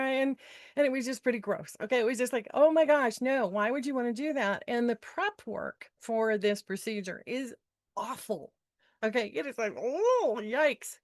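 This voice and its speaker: Middle aged lady, kinda high voice, dry sound, excited chatty spiritual storytelling, laughs a lot. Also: dry recording. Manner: expressive, upbeat, laughs often, voices quoted exchanges. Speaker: spiritual speaker. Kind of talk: animated personal storytelling talk.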